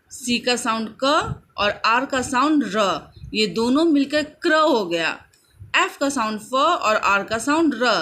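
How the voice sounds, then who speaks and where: A woman teaching children phonics in a mix of Hindi and English, slowly sounding out and repeating each word. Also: fairly high pitch, bright, forceful tone. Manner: slow, drawn-out repetition of sounds and words.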